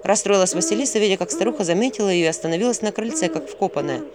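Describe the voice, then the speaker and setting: An expressive narrator reads a fairy tale aloud. The voice moves lively up and down across the lines. A faint hiss sits behind the recording. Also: mid-range voice, racing. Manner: expressive storytelling. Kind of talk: audiobook reading of a fairy tale.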